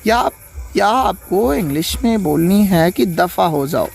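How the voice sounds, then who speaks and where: A man teaching spoken English phrases in a lesson, explaining in Hindi and repeating each English line slowly several times. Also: high voice, expressive, gravelly, a little mellow, breathy edge.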